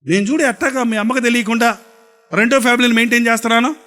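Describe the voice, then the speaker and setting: A preacher puts on a shameless middle-aged father who coaxes his son lightly and casually. The voice sits high, and it drops a little quieter than the preacher's own. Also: steady tone, rapid-fire. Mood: coaxing.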